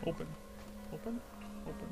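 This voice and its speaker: A young man playing a horror game, making matter-of-fact remarks to his friends. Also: moderate pace. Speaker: let's play player. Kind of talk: casual game commentary. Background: game music.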